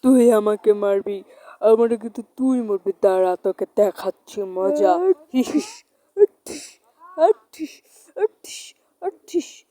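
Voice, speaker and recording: A woman voicing a menacing female ghost, with a low, whispery cackle in an amateur horror audio drama. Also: a little slow, mellow, no room sound, lightly acted. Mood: cackling.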